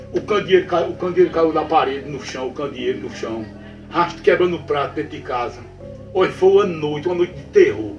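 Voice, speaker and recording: A man with a Northeastern Brazilian accent tells a backlands ghost tale in a rather high voice, going back over his own phrases and checking in with his listener. He sounds a little far from the mic in a roomy space, with faint music underneath. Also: highs cut off. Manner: repetitive, checks in with the listener often. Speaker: storyteller. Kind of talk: spoken folk tale told to a listener.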